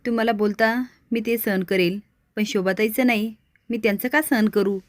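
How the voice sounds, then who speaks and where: Woman reads a patient, firm young bride, steady voice. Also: mid-range voice, normal speed, no room sound, lightly acted. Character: patient but firm young daughter-in-law.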